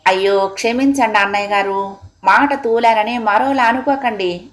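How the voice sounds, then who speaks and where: A woman's voice: a little high, normal speed, close to an everyday voice. A woman voicing a house-proud wife calling out from inside the house, in a storybook reading. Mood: sharp. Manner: calling out from indoors. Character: house-proud wife, sharp then apologetic.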